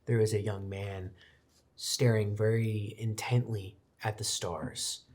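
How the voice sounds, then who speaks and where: This game master's voice sits fairly low and stays flat as he narrates a tabletop roleplaying session. He lays out scenes deliberately, going soft whenever a quiet detail comes up.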